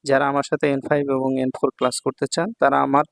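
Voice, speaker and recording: A man's voice: medium pitch, flat delivery, quick pace, vocal fry, dry recording. A man teaching Japanese kanji in a recorded online lesson, explaining each word patiently and checking in often. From Bangladesh. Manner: patient, repeats words and checks with "thik ache".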